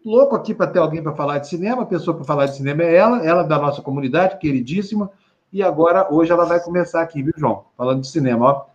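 A man with a Brazilian Portuguese accent hosts a casual live stream, chatting in a teasing way. His voice is a little high and fast, and the stream audio sounds dull and lo-fi.

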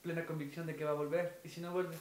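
Young guy with a higher voice, joking around and asking stuff, echoey bar. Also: little pitch movement, a little mellow. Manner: playful, quick-witted questioner. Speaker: podcast co-host, asks questions. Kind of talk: casual chat among friends. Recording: echoey bar with faint background noise.

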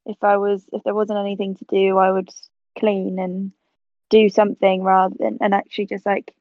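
Woman in her twenties, gravelly, phone-like line. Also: mid-range voice, little pitch movement, moderate pace, no room sound. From South Africa. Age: 20s. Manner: chatty, laughs easily. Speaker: guest photographer. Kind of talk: casual interview.

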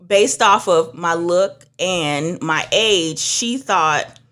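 She draws out her words in a lowish voice as she tells stories in casual conversation. This young Trinidadian woman, a minister and beauty professional, is animated and acts out other people's voices.

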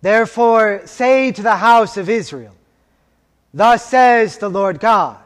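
A high-pitched man officiates a liturgy, chanting scripture and prayers with solemn, measured delivery. Long church reverb makes his voice echo through the cathedral.

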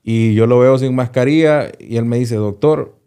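A man's voice: medium pitch, fairly even intonation, moderate pace, mellow, clear, resonant tone. A man, a doctor, telling a personal story in an interview, hesitating and often repeating small words as he goes.

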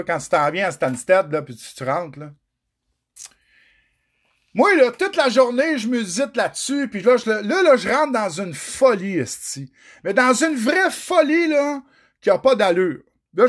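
A middle-aged man with a Quebec French accent and a high-sitting voice tells his own story straight to viewers. It's a raw, emotional monologue, and he curses often.

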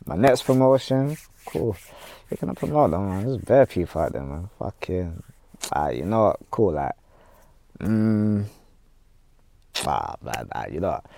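A man's voice: fairly low pitch, creaky, mellow. A man with a London roadman accent, chatting casually as a podcast guest in heavy street slang full of tag phrases. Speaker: podcast guest, music artist.

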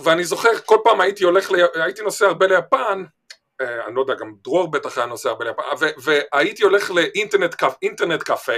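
A man's voice: fairly high pitch, a bit bright. An Israeli man speaking emphatically in a discussion, telling anecdotes and often repeating words and phrases. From Israel, Eilat. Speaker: panel speaker on language. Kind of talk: animated discussion with anecdotes and quotes.

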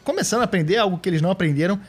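Brazilian man, podcast host, football recap, sarcastic jokes, fairly high voice. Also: expressive, racing, husky. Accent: Brazilian Portuguese. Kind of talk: casual match recap chat.

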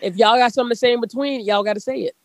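A man's voice: very high voice, rapid-fire, no echo. A man moderating an audio chat room, insistent, calling the next speakers to move things along. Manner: insistent, repeating names to move on.

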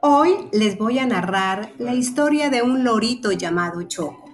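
Woman storyteller for kids: unhurried, soft, slightly high, quiet music bed. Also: expressive. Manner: gentle, slow and clear. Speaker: storyteller for children. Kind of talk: children's story narration.

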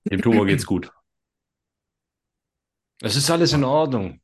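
A man's voice: medium pitch, expressive, a little slow. A man voicing a small, nervous young gangster who is proud and protective, in a tabletop role-play. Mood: reassuring. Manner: jumpy, repetitive, earnest.

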